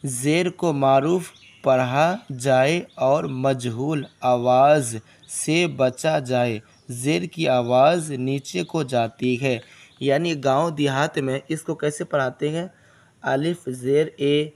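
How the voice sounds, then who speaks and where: A man teaching Arabic letter sounds in a slow step-by-step lesson, often asking a question and then answering it himself. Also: on the high side. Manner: patient, asks questions and answers them himself. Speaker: Quran reading teacher.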